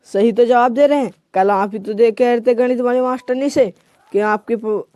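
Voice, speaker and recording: A woman's voice: on the high side, fairly even intonation, normal speed, dark tone, no room sound, muffled recording, lightly acted. A woman voicing a smart-mouthed schoolboy in a comedy skit. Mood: cheeky. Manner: cheeky, answering back.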